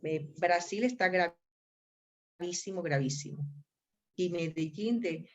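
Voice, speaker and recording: A woman's voice: fairly low pitch, a little slow. A woman with a Colombian accent, a law professor giving an online lecture, addressing her students directly and often repeating herself. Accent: Colombian Spanish. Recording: dull lo-fi audio.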